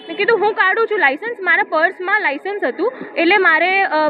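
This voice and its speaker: A young Gujarati woman with a Gujarati accent recounting what happened to her, talking in a hurried way with frequent restarts. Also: very high-pitched. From Gujarat, India. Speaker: interviewee recounting an incident. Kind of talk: personal account to a reporter. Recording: tinny phone-like audio.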